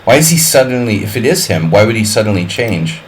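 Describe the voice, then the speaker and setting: Very animated and a little fast, a man with a voice on the low side streams a chess simul, calling out moves and thinking aloud. He keeps up wry, offhand chatter with viewers, full of jokes and wordplay, over a low-quality recording with slight background noise.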